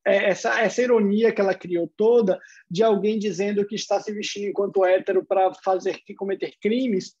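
This Brazilian Portuguese-accented man has a high, somewhat dark voice, captured in a muffled recording. He delivers an online university lecture, moving step by step and asking rhetorical questions along the way.

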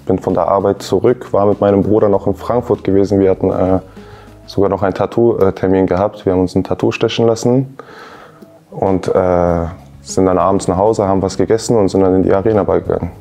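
A man in his twenties, an interview guest, giving a calm, measured personal account with frequent filler sounds, seated in a youth centre lounge. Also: deep voice, vocal fry, soft background music. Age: 20s.

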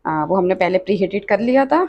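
The recording is muffled, but this cooking channel host comes through with a medium-pitched, expressive voice at a fairly quick pace. She narrates a home kitchen tutorial step by step, keeping it conversational and instructive while frequently saying "achha" and "dekhiye".

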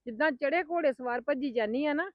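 A woman playing a soft-spoken aunt who pleads for calm in a family drama skit. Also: high voice, fast, no echo, lightly acted. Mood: pleading. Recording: dry, dull lo-fi sound.

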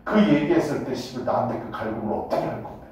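A man teaching a high school English class in a blunt, joking way, swearing casually and often checking whether the students follow. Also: animated, quick pace, darkish tone. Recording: echoey classroom from a distance.

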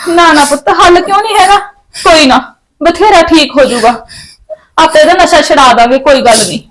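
A woman's voice: sits high, a little fast, a bit bright, poor audio. A middle-aged woman playing a worried mother who soothes and pleads with her family. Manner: soothing, pleading, tearful at times. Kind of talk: family short film acting.

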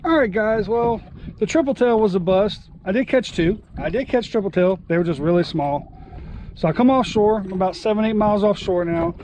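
An easygoing fishing channel host in his forties narrates his trip from a small open boat far offshore, chatting to viewers and to the fish. His voice is a touch high for a man, darkish in tone, and a little fast. The action camera picks up clear wind and water noise beneath him.

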